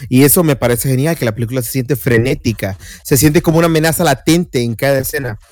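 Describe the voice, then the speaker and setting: On a podcast he co-hosts, a man with a mid-range, darkish voice talks fast about a film in a casual way. He lays out his arguments at length in an explanatory style, and the recording is dry.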